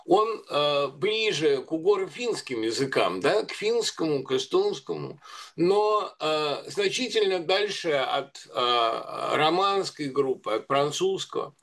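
A man's voice: on the high side, animated, slow pace, a bit bright. A man giving a long, discursive spoken commentary, full of hesitations and restarts. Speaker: guest commentator. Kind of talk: conversational commentary.

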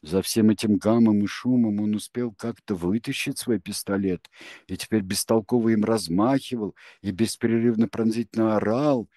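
A man narrating a novel in a low voice, reading with tense drama. The recording is dry and close, with no room around him. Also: fairly even intonation, moderate pace, dark tone, no room sound. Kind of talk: audiobook narration.

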